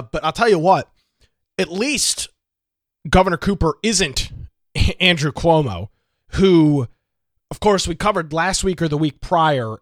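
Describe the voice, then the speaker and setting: A man's voice: on the high side, a bit bright, dry recording, clean studio sound. Opinionated male political talk host. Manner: opinionated, rhetorical questions.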